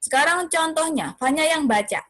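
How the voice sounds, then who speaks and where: A woman's voice: high voice, animated, normal speed, a bit bright. A woman teaching young children in an online class, patient and coaxing, often checking that they can see her screen, on a computer mic. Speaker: homeschool teacher. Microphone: computer mic on video call.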